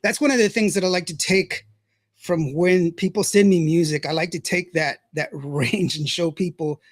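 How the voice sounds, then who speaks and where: A man with a high, husky voice hosts a casual podcast chat. He jokes, rambles and breaks into laughter often. The sound is close and dry. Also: steady tone, moderate pace, no echo. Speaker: podcast host.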